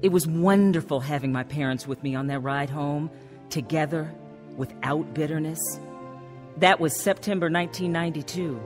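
Here the same kind of role, an earnest and troubled woman confessing her life story, is voiced by an American actress with a low, slightly mellow tone and a moderate pace. The acting is light and the mood reflective, with narration and dialogue set over music in a radio drama.

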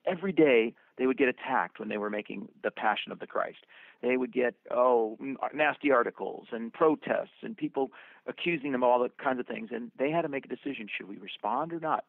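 A man's voice: mid-range voice, a little fast, creaky, dry recording. A man answering interview questions in an earnest, storytelling way, calling up scripture and old poems as he reflects on his working life. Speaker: film producer and actor guest. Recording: dry, tinny phone-line sound.

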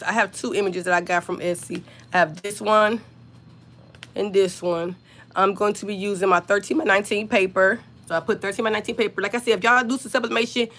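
A woman's voice: mid-range voice, fairly bright tone. Woman host, sick and scratchy-voiced, chatting loosely to live viewers on a phone. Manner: chatty, talks straight to viewers, many fillers. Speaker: crafter hosting a live stream. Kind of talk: casual live-stream chat and tutorial.

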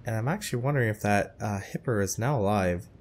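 With a stuffed-up, nasal voice, a gameplay commentator talks matter-of-factly over his own naval game, hesitating often and adding apologetic asides. He is a fast talker with a voice on the low side.

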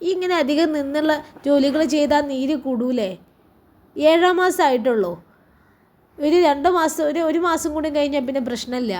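A woman's voice: sits high, moderate pace, darkish tone, lightly acted. A woman voicing a protective young husband who scolds and fusses, in a Malappuram Malayalam accent. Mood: worried. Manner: scolding, fussy.

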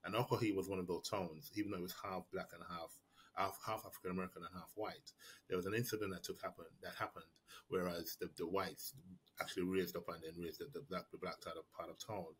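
This is a low-quality recording of a fast-talking man with a low, steady voice and slight background noise. He's a prize-winning writer from Jamaica, answering questions about his writing over a video call through a webcam or laptop mic in a small indoor room. He's reflective, with frequent restarts and repeated words.

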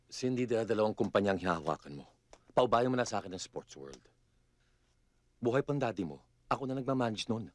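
A man's voice: fairly low pitch, animated, a little fast, long pauses, lightly acted. An actor playing a controlling, reassuring businessman in a film drama, speaking persuasively with a Filipino accent. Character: smooth-talking husband or partner, controlling, reassuring company manager.

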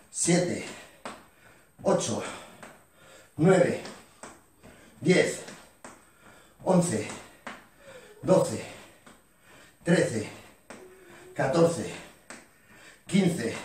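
A man leads a workout class, counting each rep and encouraging everyone, sometimes short of breath. His voice sits a little high and moves at an unhurried pace. He sounds distant the microphone in a roomy, echoing sports hall with faint noise. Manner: counting reps aloud, encouraging, out of breath at times. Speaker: fitness instructor. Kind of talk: leading an exercise class. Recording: echoey gym hall, voice from off the mic.

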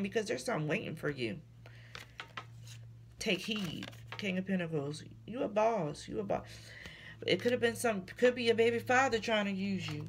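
A woman's voice: mid-range voice, a little hiss or hum. A woman giving a casual tarot reading, blunt and slangy, swearing freely and repeating her warnings. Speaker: tarot reader.

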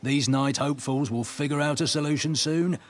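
An actor playing a calm, bookish male royal guard in a video game who speaks in a measured, polite way. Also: a little high, natural voice.

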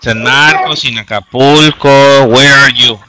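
A man's voice: medium pitch, fairly even intonation, slow, very noisy. A man teaching an online English class, patiently repeating and modeling words for his students.

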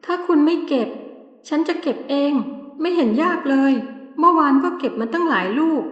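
A woman voicing a stubborn, tearful pregnant young woman in an audiobook, her voice raised high and whiny. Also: moderate pace, echoey room, long reverb tail, dull audio, natural voice.

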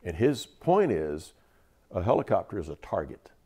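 A man's voice: deep voice, sing-song, normal speed, dark tone, breathy edge, muffled recording. A man in his seventies from Georgia with a Southern accent, vividly recounting stories in an interview, repeating words for emphasis. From Georgia, USA. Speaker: interview guest, veteran. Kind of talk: storytelling interview.

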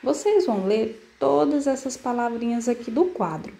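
A woman with a Brazilian Portuguese accent teaching first graders, sounding out syllables slowly and patiently. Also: a little high, lively intonation, creaky, dark tone, reverberant. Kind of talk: recorded online lesson for children.

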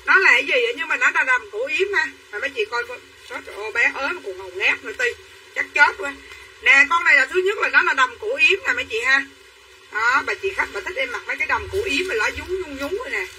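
A woman's voice: high-pitched, animated, quick pace, bright, forceful tone. A woman, selling dresses on a livestream in chatty sales patter to her viewers. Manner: chatty, addresses viewers as sisters. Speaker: livestream clothing seller. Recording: from a distance, faint room noise.

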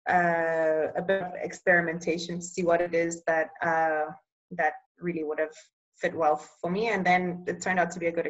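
Answering interview questions on a video call, a young Eswatini woman in public health, whose native language is Bulgarian, talks in a voice on the low side. Her delivery is measured with frequent pauses as she looks for the right words, and the recording quality is low.

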